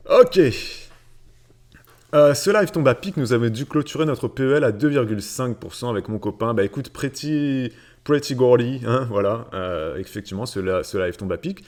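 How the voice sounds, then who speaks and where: A man's voice: mid-range voice, fairly quick, a little mellow. A man hosting a casual personal finance livestream, greeting viewers by name and chatting with many fillers and repeated words. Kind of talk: casual livestream chat reading viewer comments.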